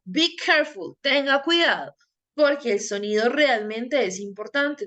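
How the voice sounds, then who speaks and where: A woman's voice: a little high, a bit bright. A young woman teaching an English grammar lesson, carefully repeating each word so learners catch its pronunciation.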